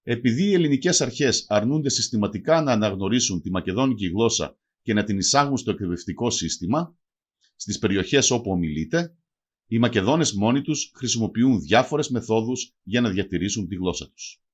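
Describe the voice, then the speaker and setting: A man reading a scripted language lesson, spelling out example words slowly and deliberately. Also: fairly low pitch, expressive, husky. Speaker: language teacher.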